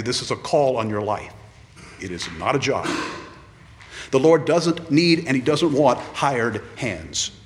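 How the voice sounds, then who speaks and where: A man's voice: medium pitch, slight background noise. Male preacher, earnest ordination sermon, mid-range voice, long church reverb. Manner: earnest, repeats refrains, acts out quoted voices.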